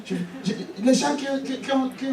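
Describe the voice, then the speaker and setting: A Congolese preacher with a very high-pitched male voice delivers a fervent sermon with personal testimony at normal speed, punctuating it with repeated hallelujahs and sometimes shouting. He stumbles and repeats words. Recorded with a distant mic in a roomy, echoey church hall, the clip includes crowd noise from the congregation responding.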